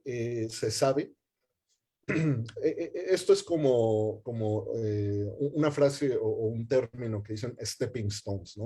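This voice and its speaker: Guy with a mellow voice explaining data stuff, lots of ehs and restarts. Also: mid-range voice. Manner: hesitant, many fillers and restarts. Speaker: guest data scientist. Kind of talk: explanatory webinar talk.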